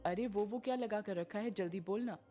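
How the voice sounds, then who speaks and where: A woman's voice: medium pitch, a little fast, soft background music, close to an everyday voice. A woman voicing a panicky middle-aged village man who hides his fear by barking orders at his wife. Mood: bullying. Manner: fearful muttering, then bossy shouting.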